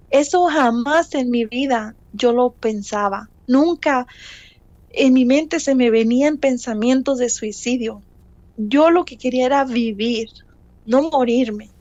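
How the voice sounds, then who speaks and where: A woman's voice: high voice, unhurried, darkish tone, no room sound, highs cut off. A middle-aged woman giving an emotional personal testimony, telling her story earnestly and calling the listener brother.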